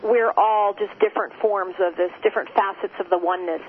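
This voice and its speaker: A woman heard over the phone as an interview guest, speaking gently and repeating phrases for emphasis. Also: medium pitch, steady tone, a little fast. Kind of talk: spiritual interview talk. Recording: tinny phone line with faint noise.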